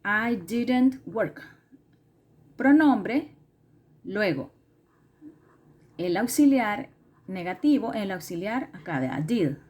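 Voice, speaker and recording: A woman's voice: mid-range voice, animated, drawn-out words, long pauses, darkish tone, slightly rough. Woman teacher, patient step-by-step lesson delivery, repeats key points and self-corrects. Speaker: English teacher. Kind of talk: recorded classroom lesson explanation.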